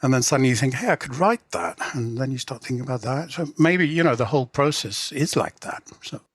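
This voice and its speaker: In a relaxed interview, a middle-aged English novelist and translator speaks haltingly, restarting frequently and saying "you know" a lot. His voice is medium-pitched, expressive and slightly breathy, with no echo.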